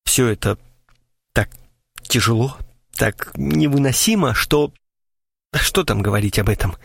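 A man's voice: medium pitch, measured pace, gravelly, breathy edge, dry recording. A man voicing a theatrical male writer who declaims in a quavering, mock-tragic way. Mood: mournful.

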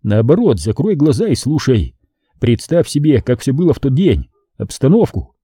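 A man voicing a patient male investigator who speaks calmly and evenly. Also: medium pitch, breathy edge, dry recording, studio quality. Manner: calm, measured.

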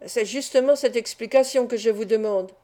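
A woman's voice: a little high, normal speed, warm tone, natural voice. A woman voicing a stern male investigating judge in an audiobook, questioning coldly and severely.

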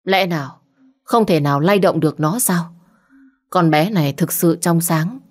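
Woman reading strict old grandma who runs the house, lecturing, lowish voice. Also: a little slow. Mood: stern. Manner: authoritative, lecturing. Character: stern old grandmother, matriarch of a rich house.

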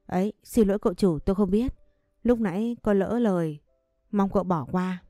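A woman's voice: medium pitch, moderate pace, mellow, no echo, clean studio sound, faint music behind, close to an everyday voice. A woman doing a shy young maid. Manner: polite, deferential. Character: 19-year-old maid, polite and shy.

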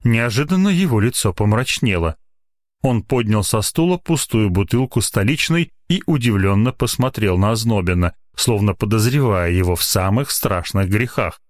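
Male audiobook narrator, animated intonation, expressive reader. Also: on the low side, moderate pace. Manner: expressive reading that moves between voices.

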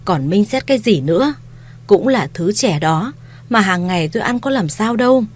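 A woman's voice: mid-range voice, expressive, moderate pace, natural voice. A woman reading a story, voicing a stern elderly matriarch who harshly commands her family. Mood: angry.

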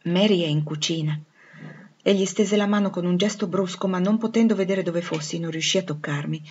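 A woman narrating a classic novel aloud in a measured, expressive reading. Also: on the low side, slightly rough. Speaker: audiobook reader. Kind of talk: literary audiobook narration. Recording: dull lo-fi recording.

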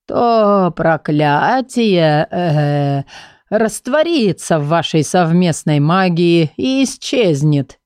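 A woman voicing a hoarse, self-important old male magic book who talks slowly and hesitantly in an audiobook. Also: lowish voice, lively intonation, a little mellow, no echo, clean studio sound. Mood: pompous, hesitant. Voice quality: husky, wheezy. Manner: slow, hesitant, hemming with pauses. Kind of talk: audiobook character voice.

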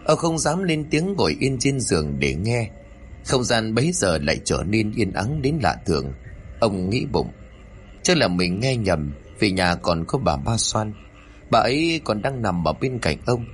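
Low-voiced male horror storyteller. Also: big pitch swings, unhurried, slight background noise. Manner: dramatic, suspenseful reading.

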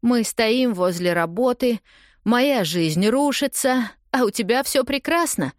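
A woman's voice: medium pitch, expressive, a little slow, no room sound, clean studio sound, voice pushed up, lightly acted. A woman voicing a hurt, accusing young woman. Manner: raised, pleading, accusing. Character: upset young woman confronting her lover. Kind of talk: audiobook dialogue reading.

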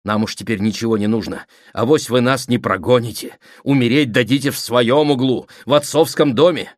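A man's voice: medium pitch, steady tone, moderate pace, no echo, studio quality, voice pushed up, natural voice. A man voicing an aggrieved middle-aged sister who pleads and reproaches her brother, in an audiobook reading. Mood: reproachful.

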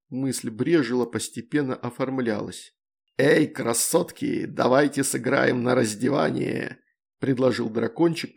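A man narrating a fantasy audiobook in an even, measured way. His mid-pitched voice carries a steady gravelly creak. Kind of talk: scripted narration.

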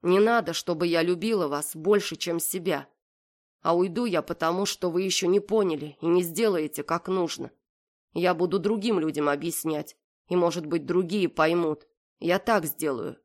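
A woman's voice: on the low side, moderate pace, natural voice. A woman doing Manichka, a cold stubborn girl. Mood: flat. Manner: monotone, indifferent. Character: stubborn indifferent young girl, cold and flat.

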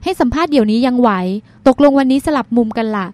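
A woman reads the part of a seasoned male politician speaking calmly, with a high, quick delivery. He explains his views patiently, like a mentor lecturing a younger colleague, in a dry, close sound. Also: dry recording, close to an everyday voice. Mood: friendly. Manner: gently lecturing, reasoned. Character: senior male politician, calm and instructive.

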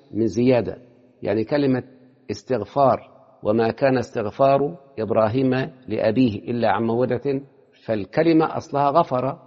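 A man with an Egyptian Arabic accent teaching Arabic morphology, breaking up his classroom lecture with quick questions to his students. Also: medium pitch, darkish tone. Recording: lo-fi with long hall reverb.

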